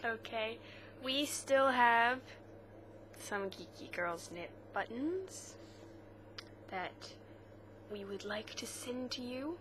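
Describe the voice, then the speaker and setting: A woman's voice: a little high, lively intonation, slow, noisy background. A woman co-hosting a knitting podcast, giving announcements in a plain, matter-of-fact way. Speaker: podcast co-host. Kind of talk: casual chat.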